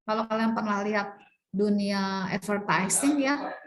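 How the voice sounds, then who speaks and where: A middle-aged woman gives a university lecture in an animated way. She reads slide points slowly and then explains them in quick, chatty talk, sometimes playing out students' replies. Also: medium pitch, poor audio. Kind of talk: classroom lecture mixing Indonesian and English.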